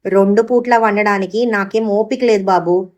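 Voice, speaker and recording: A woman's voice: mid-range voice, steady tone, moderate pace, a little mellow, natural voice. A woman reading the part of a scornful young mistress with cutting retorts.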